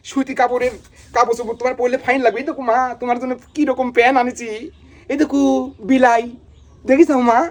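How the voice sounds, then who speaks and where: A woman speaks in a tender, coaxing voice, pitched a little high. She keeps repeating soft endearments and gentle questions, like she is talking lovingly at home. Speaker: farmer vlogger. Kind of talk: affectionate home vlog.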